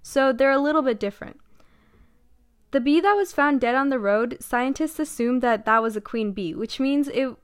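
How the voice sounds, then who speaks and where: Young woman, scripted talk, wry asides, smooth clear voice, dry close sound. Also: high-pitched, moderate pace, no echo. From Pacific Northwest, US. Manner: wry, jokey asides between read points. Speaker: presenter.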